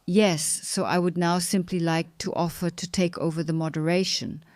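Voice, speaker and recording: A woman in her fifties hosts an interview, speaking in an affirming, encouraging way. Her voice sits a little low and sounds smooth and resonant, recorded dry. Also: flat delivery, moderate pace, darkish tone, dry recording. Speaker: host. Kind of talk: conversational interview.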